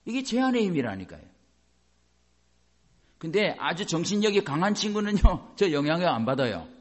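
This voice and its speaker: Sing-song and high, this man's voice moves at a moderate pace as he preaches a sermon. The pastor often throws rhetorical questions to the congregation and performs little dialogues, switching between different voices.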